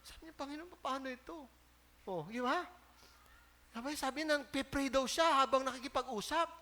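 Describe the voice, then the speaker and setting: A man with a Filipino accent preaching a sermon as pastor, animated and joking, acting out the voices he quotes. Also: extremely high pitch. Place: church.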